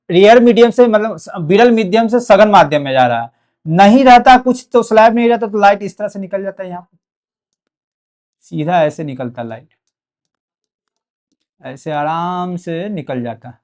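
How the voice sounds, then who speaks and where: A young man with a high, slightly mellow voice and a Bihari Hindi accent teaches physics for board exams. He repeats key words again and again to drill them, and keeps checking in with "okay," often saying "ठीक है".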